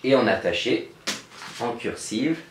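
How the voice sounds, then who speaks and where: Slow, patient male teacher in echoey room. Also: medium pitch, expressive, a little hiss or hum. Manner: slow, clear, patient teacher talk, spelling out sounds. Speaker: kindergarten teacher. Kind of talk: remote class lesson for young children.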